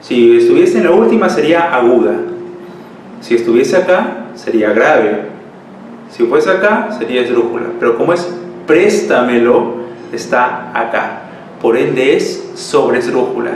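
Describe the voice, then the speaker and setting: Teacher in an echoey room. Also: male voice, mid-range voice, lively intonation, measured pace. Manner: explains step by step, checks in with "¿ya?". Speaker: language teacher. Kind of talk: classroom lesson at a board. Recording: echoey room, mic far off, faint hiss.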